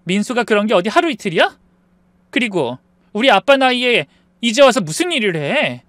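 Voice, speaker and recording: A man voicing an upset young wife who argues in a shrill, raised, accusing voice. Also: sing-song, moderate pace, fairly bright tone, no echo. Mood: angry.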